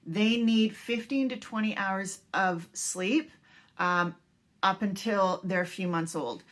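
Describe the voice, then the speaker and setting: A woman's voice: medium pitch, takes it slowly, fairly bright tone. A woman dog trainer talking casually to puppy owners, reassuring and repeating her points with filler words. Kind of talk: casual instructional talk.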